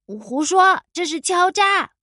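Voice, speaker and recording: A woman's voice: fairly high pitch, moderate pace, no echo, studio quality. A woman voicing a brave, boastful young male crow who squawks and gets indignant easily. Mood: angry. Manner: excitable and indignant.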